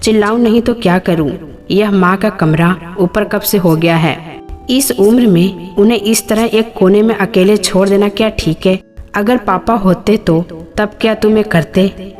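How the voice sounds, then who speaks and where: A woman's voice: mid-range voice, a little slow, a little mellow, soft background music, close to an everyday voice. A woman voicing an indignant grown daughter who scolds her brothers. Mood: angry.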